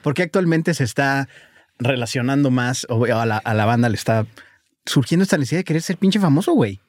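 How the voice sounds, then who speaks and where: A man's voice: medium pitch, lively intonation, a little fast, no echo, clean studio sound. A man with a Mexican accent co-hosting a casual podcast chat, opinionated and swearing freely. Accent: Mexican Spanish. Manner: opinionated, profane, repeats words. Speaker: podcast co-host.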